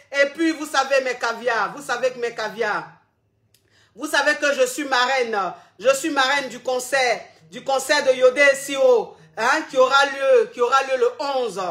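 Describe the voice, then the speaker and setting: High-voiced blunt woman call-in host. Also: a bit bright. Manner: blunt, repetitive, affectionate terms. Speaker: advice show host. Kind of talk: live call-in advice chat.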